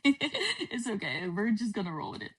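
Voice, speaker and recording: A woman's voice: mid-range voice, breathy edge. A Dutch woman chatting casually on a livestream, her voice echoing distantly as if in a cave. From Netherlands. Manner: casual, relaxed talk with frequent pauses. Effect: distant cave-like echo on her voice. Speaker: livestream guest. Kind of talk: casual chat. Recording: distant, echoey stream audio.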